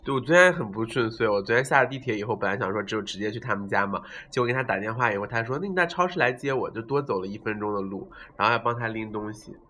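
A man chatting casually on a podcast, teasing his co-host with quick remarks. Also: fairly low pitch, expressive, pushed and bright, slight background noise. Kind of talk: casual chat.

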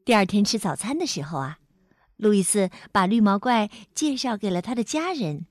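A woman narrating a children's storybook in an expressive manner, stretching her sentence-final particles. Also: mid-range voice, normal speed, dry recording, studio quality.

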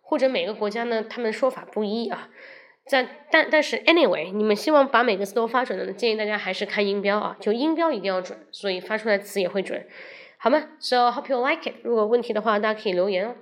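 A woman from China hosting a casual livestream English lesson, chatting with viewers, switching between Chinese and English and slowly repeating words to show how they sound. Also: medium pitch. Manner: addresses viewers directly and invites questions.

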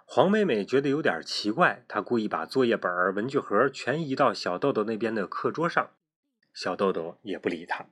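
A father reading a children's story aloud with an expressive, animated delivery. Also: fairly low pitch, normal speed.

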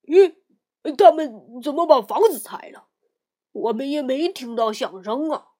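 A woman's voice: sits high, expressive, measured pace. A woman voicing a lazy, grumbling male pig monk in a children's storybook reading. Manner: whiny, grumbling, loud.

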